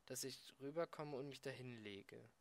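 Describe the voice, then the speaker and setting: A man's voice: medium pitch, normal speed, natural voice. A man voicing a flustered, fussy middle-aged council official who answers in bewildered, hesitant bits.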